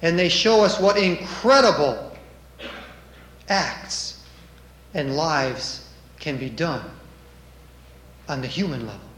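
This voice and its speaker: A man with a high voice preaches slowly and deliberately. He reads scripture with measured emphasis and lets his voice swell on key lines. The sound rings in an echoey room. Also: animated, fairly bright tone, slight background noise. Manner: measured, emphatic delivery with dramatic rises. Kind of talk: sermon with scripture reading.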